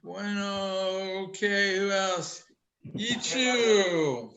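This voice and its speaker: A man teaching a casual online college class over a video call, chatty and upbeat, quick-talking and fond of teasing his students with jokes. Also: high voice, noisy background. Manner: talks quickly. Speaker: college instructor.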